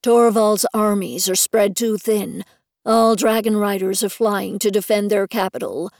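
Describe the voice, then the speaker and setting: A woman's voice: medium pitch, fairly even intonation, vocal fry, a little mellow, no room sound, studio quality. A woman voicing a worried young man who gasps out urgent news in a storm. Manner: gasping, hurried urgency.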